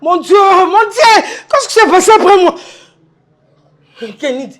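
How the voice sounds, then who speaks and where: A woman's voice: very high voice, expressive. A middle-aged woman with a Congolese French accent playing a grieving mother who calls on God and draws out her cries. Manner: drawn-out, wailing calls of a name.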